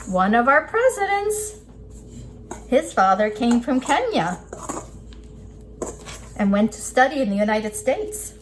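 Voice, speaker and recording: A woman's voice: fairly high pitch, big pitch swings, takes it slowly, long pauses, poor audio. A woman hosting a children's cooking demonstration, addressing young viewers like a kids-show host with questions and hints. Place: indoors at a work table, hands working dough. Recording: clear background noise, kitchen ambience.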